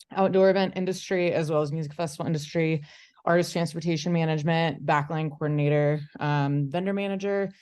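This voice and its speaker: A woman's voice: lowish voice, a little mellow, clean tone. A woman stage manager introducing herself on a video call, upbeat. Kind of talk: casual self-introduction.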